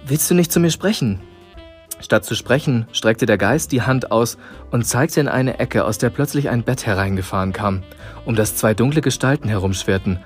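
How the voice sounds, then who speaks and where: A man reading a storybook aloud to listeners in a calm, measured way. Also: lowish voice, faint music behind. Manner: calm, measured narration with dramatic pauses.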